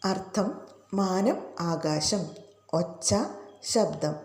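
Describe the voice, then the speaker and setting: A woman teacher slowly explains a school lesson to children and keeps asking them rhetorical questions. Her voice is mellow and unhurried. The recording sounds roomy and echoey. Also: on the low side. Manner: asks pupils rhetorical questions. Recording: roomy echo.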